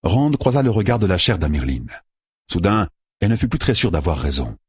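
A man narrates a fantasy audiobook expressively, often dropping his voice low to build suspense. His low, husky voice rises and falls in a lively way at a fairly quick pace, in a dry, close recording with no echo.

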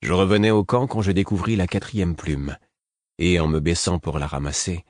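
A man reading a first-person audiobook in a measured, steady storytelling manner. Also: deep voice, no echo, clean studio sound. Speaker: audiobook narrator.

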